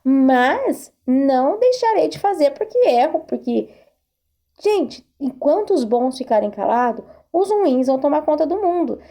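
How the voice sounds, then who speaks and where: A woman's voice: high-pitched, sing-song, unhurried, mellow. A woman therapist giving an earnest self-help talk to camera, repeating herself and asking rhetorical questions. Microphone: recorded video to camera.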